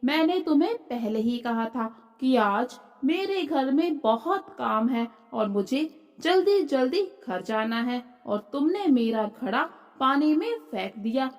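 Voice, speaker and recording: Storybook role: a quick-tempered, scheming young village woman, read by a woman, scolding in a high, unhurried voice. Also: expressive. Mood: angry. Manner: shouting, scolding.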